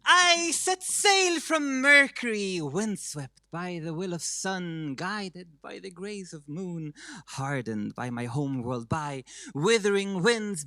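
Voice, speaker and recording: A performer playing a grand diva persona, reciting spoken-word poetry in a dramatic, declamatory way with drawn-out lines, recorded in their own room. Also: medium pitch, sharp tone, dry recording, studio quality, heavily acted. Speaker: slam poetry contestant.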